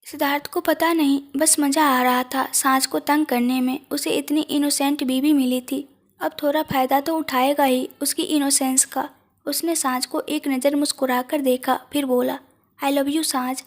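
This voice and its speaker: A woman narrating a romantic audio story in a soft, even storytelling voice. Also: high voice, normal speed.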